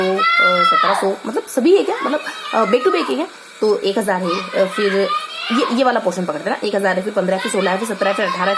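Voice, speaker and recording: A woman's voice: mid-range voice, noisy background. Chatty young woman teaching with memory tricks. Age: young adult. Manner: chatty and playful, thinking aloud with many fillers. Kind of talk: casual Hindi lesson with memory tricks.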